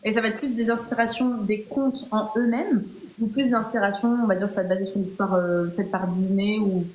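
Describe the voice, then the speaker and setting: A woman's voice: medium pitch, steady tone, a little fast, a little mellow. A woman hosting a live chat, talking playfully and chattily with many fillers and restarts. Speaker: live stream host. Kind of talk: casual chat. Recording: roomy echo.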